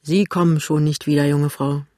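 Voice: mid-range voice, little pitch movement, normal speed, warm tone, no room sound, studio quality, close to an everyday voice. An audiobook reader voicing a blunt, matter-of-fact working-class mother of five. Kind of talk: audiobook reading.

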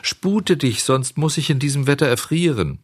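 A man's voice: medium pitch, animated, normal speed, breathy edge, no echo, studio quality, voice pushed up. A man reading a storybook and voicing a naughty wooden puppet boy who pleads and grows impatient. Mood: pleading, impatient.

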